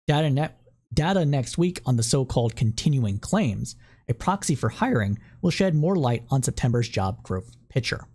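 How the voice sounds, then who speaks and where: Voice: medium pitch, lively intonation, moderate pace, darkish tone, slightly rough. A live-stream host running a casual weekly news roundup, reading news items with small slips and playfully cooing over a cute picture. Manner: reads news copy aloud with small slips.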